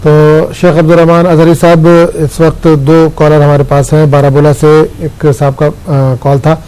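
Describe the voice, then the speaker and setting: A man hosting a television call-in show, greeting callers politely and briskly repeating their details before passing their questions on. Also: on the high side, flat delivery, mellow, clear, resonant tone, rough recording. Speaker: host of a call-in religious show.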